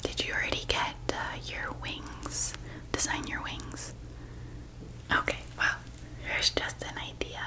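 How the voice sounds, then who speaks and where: Breathy whispered role-play, gentle fairy woman, slow. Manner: gentle, unhurried, attentive to the customer. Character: gentle female fairy designer showing customer clothes and crowns.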